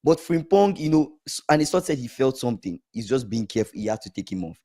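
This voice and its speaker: A man co-hosting a casual football podcast, emphatic and repetitive, a little hoarse. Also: mid-range voice, very animated, fast talker, mellow. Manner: emphatic, repeats himself, trails off. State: slightly hoarse from shouting. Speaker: podcast co-host.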